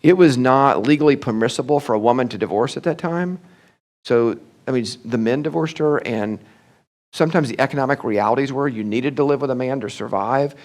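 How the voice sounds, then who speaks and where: A middle-aged man, a senior pastor giving an animated, conversational church talk that often slips into acted-out quoted voices. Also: medium pitch, a little fast. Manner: animated, acts out quoted voices, many restarts and fillers.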